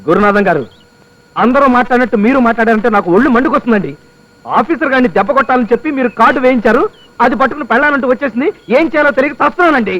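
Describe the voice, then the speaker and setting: A jumpy high-voiced newlywed. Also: male voice, lo-fi sound. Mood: exasperated. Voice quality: excitable, quick and shouty. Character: flustered young husband, jumpy and loud. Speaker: newly married office clerk. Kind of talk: film comedy acting. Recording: film score behind.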